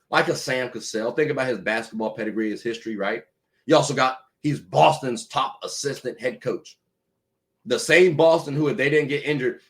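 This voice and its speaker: A man hosting a podcast, giving casual, opinionated sports talk straight to his listeners. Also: mid-range voice. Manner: conversational, opinionated, addresses listeners as ladies and gentlemen. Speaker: podcast host. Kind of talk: solo sports talk commentary.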